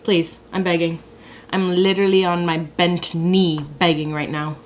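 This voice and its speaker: A young woman chats her way through a makeup routine in a fairly low voice, with a faint hiss of noise under it. She is dramatic and quick to laugh at her own mistakes. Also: level tone. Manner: chatty, dramatic, self-mocking. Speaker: beauty vlogger. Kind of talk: casual chat while doing makeup.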